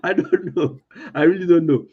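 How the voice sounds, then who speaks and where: A man hosting a casual football chat in a tinny voice with no bass, hesitant and full of fillers and restarts. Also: normal speed, husky. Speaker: podcast host. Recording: thin lo-fi audio lacking bass.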